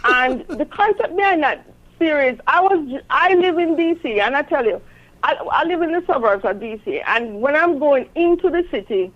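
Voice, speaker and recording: A woman's voice: sits high, animated, normal speed, muffled recording. A woman talking conversationally as an interview guest about her own work. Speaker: interview guest, self-published author.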